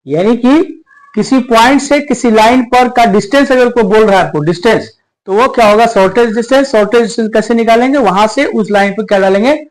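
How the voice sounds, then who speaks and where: A man's voice: extremely high pitch, brisk, poor audio. A man teaching a school maths lesson at a board, explaining step by step and asking his students questions as he goes.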